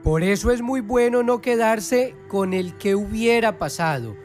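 A man hosting a radio infomercial for a spiritual phone line, spelling out numbers slowly. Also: high-pitched, a little mellow. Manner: slow, repeats phone numbers digit by digit. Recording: music bed behind.

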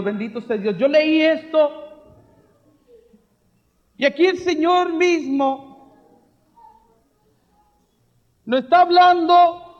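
In a reverberant hall, captured with dull, lo-fi sound, a very high-voiced male preacher delivers a charismatic sermon. His fervor rises into shouted refrains, broken up by jokes and quiet chuckles.

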